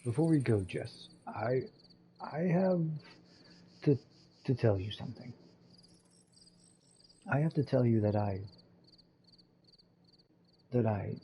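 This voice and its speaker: A man's voice: mid-range voice, sing-song, measured pace, long pauses, mellow, a little hiss or hum. A man voicing a brash, boastful young male warrior who bickers. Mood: flustered. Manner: cocky, bickering.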